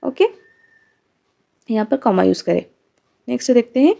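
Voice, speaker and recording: Female grammar teacher, Indian English accent, slightly high but mellow tone, patient explainer who asks and answers her own questions. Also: animated, vocal fry. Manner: explains in Hindi, reads English examples slowly and asks rhetorical questions; repeats key terms, punctuated by "theek hai". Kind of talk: exam-prep grammar lesson.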